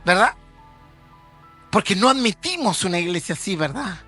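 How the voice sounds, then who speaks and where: A man's voice: high-pitched, very animated, normal speed, bright, forceful tone, soft background music. A man, preaching a sermon in a church in an emphatic, conversational way. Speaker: pastor.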